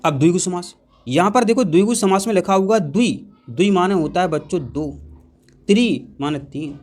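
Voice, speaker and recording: A man's voice: high voice, normal speed. A man teaching an exam-prep grammar lesson, repeating key points and putting questions to the class. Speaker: Hindi teacher.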